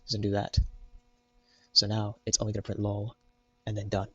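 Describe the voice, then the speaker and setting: Husky low-voiced young man teaching code. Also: monotone, fairly quick, a bit bright, dry recording, muffled recording. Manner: jokey, meme-filled explaining. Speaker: programming tutor. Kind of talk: casual screen-recorded coding tutorial.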